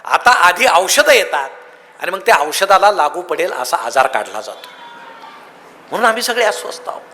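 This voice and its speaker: Bright high-voiced man telling comic stories. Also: normal speed, slight background noise. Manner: lively storytelling with comic anecdotes. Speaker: motivational speaker. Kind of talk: humorous public speech. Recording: long hall reverb.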